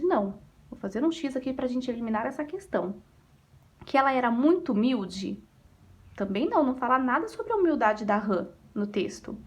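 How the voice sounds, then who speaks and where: A woman's voice: high voice, dull audio. A woman with a Brazilian Portuguese accent, a primary school teacher going over exercises in a recorded remote lesson, patiently asking and answering her own questions.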